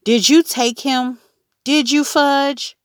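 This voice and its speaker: A woman voicing an anxious boy of about nine who shouts and pleads urgently. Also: mid-range voice, lively intonation, slow, dry recording, clean studio sound, pitched above the performer's own voice. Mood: pleading. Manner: urgent, rising to yells.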